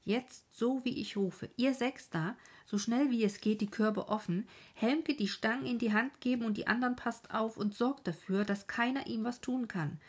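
A woman's voice: a little high, moderate pace, few pauses, a little mellow, breathy edge, voice pushed up. A woman voicing a stern male village leader giving urgent orders in battle. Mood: commanding.

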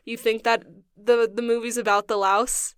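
Curious higher-voiced woman asking questions. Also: flat delivery, moderate pace, a bit bright. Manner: curious, asks questions, laughs easily. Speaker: podcast co-host asking questions. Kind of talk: casual chat.

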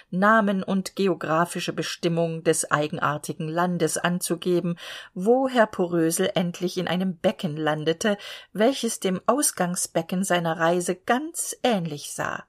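A woman reading a grotesque short story aloud in a measured, unhurried manner. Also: on the low side. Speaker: audiobook reader.

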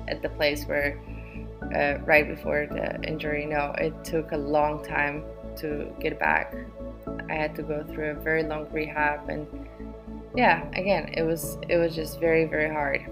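A young woman, hosting a podcast and telling her own story in an earnest, halting way. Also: deep voice. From Poland. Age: 20s. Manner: earnest, halting, with many pauses and fillers. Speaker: podcast host. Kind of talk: personal talk to listeners.

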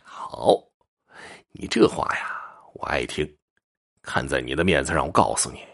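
Man putting on a haughty, gravelly fox spirit. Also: low voice, fairly bright tone, exaggerated voice. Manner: haughty, mocking. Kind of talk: storytelling.

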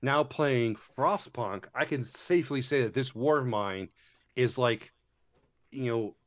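A man's voice: mid-range voice, unhurried. A man casually chatting about board games, rambling with lots of fillers and restarts and casual swearing. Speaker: board game reviewer. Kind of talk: casual chat.

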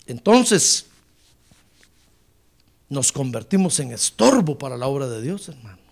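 A man preaching a sermon as pastor, surging and dropping in loudness, often calling his listeners brother. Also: big pitch swings, unhurried, gravelly. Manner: preaching with sudden surges and drops in pitch and volume; repeatedly addresses listeners as brother.

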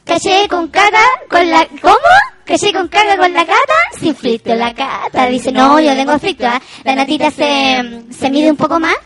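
A woman voicing a brash, unfiltered young female cousin who works in retail, with a Chilean accent and crude slang, hosting a comedy stream. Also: normal speed. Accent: Chilean Spanish. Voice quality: shrill, loud, laughing, crude slang. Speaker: comedy stream host reading chat. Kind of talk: improvised comedy character.

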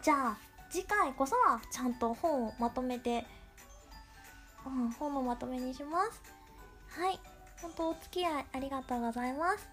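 A woman's voice: sits high, moderate pace, fairly bright tone, soft background music. A woman podcast host with a cute, girlish anime-style voice, talking casually and rambling in a playful, self-deprecating way. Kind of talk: casual solo podcast talk.

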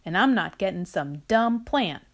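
A woman's voice: medium pitch, expressive, a little slow, fairly bright tone. A woman voicing an earnest young boy in a read-aloud storybook, calling out in a raised voice. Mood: scornful. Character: young boy, stubborn then worried.

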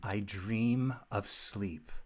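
Man voicing an unearthly, slow, low ancient deity. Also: fairly bright tone, heavily acted. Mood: ominous, dreamy. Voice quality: hollow. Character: unearthly ancient dreaming deity, hollow and metallic, chanting ominous verse.

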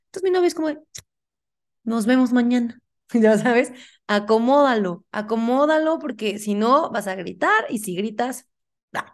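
A young woman with a Mexican accent, chatting frankly and acting out quoted lines as a guest in a casual talk. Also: mid-range voice. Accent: Mexican Spanish. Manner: animated, acts out quoted dialogue, frank and slangy. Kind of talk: casual chat.

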